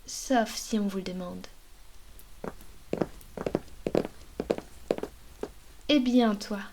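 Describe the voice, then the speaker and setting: In an ASMR roleplay, a woman voices a possessive, domineering vampire mistress, mostly whispering as she coaxes and commands into a binaural microphone. Her voice is a little high and a little mellow.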